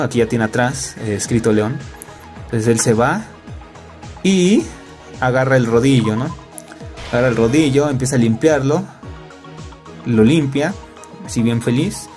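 A man's voice: medium pitch, moderate pace, long pauses, a little mellow, faint music behind. A young man with a Mexican Spanish accent doing casual, joking gameplay commentary, padded with fillers and tag questions. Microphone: laptop recording.

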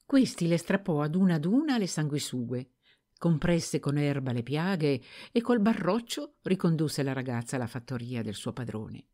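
A woman reads a story aloud as an audiobook narrator, in a low voice that moves lively up and down. Her telling is expressive and carefully scripted. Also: moderate pace.

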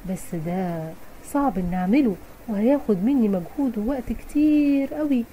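A woman's voice: a little high, normal speed, mellow, a little hiss or hum, close to an everyday voice, rough recording. A woman with an Egyptian Arabic accent voicing a humble, hard-working woodcutter father, plain and earnest, for a children's storybook. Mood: wary.

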